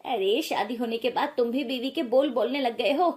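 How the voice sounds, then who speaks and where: Woman voicing a middle-aged mother-in-law, scornful, nagging, fairly high voice, animated storybook. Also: normal speed, lightly acted. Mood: self-pitying.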